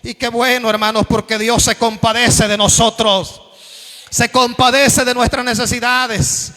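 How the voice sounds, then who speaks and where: A man preaches with fervor in a very high, bright, forceful voice, pressing his point and addressing his listeners as brothers. At times he raises his voice almost to a shout. The sound carries a long, echoing reverb from a hall. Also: flat delivery, unhurried. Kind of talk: sermon.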